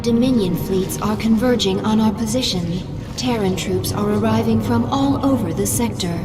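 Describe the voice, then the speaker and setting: Game role female actor: dutiful alien brood servant, measured and formal, higher voice, cavernous reverb. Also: lightly acted. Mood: dutiful, urgent. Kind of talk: video game voice acting. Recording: long reverb under music.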